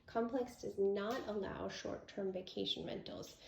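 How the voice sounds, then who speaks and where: A woman with a creaky voice giving an enthusiastic home tour as a gushing real estate agent, full of superlatives. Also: mid-range voice, fairly even intonation, unhurried, a little hiss or hum. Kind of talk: enthusiastic property tour presentation.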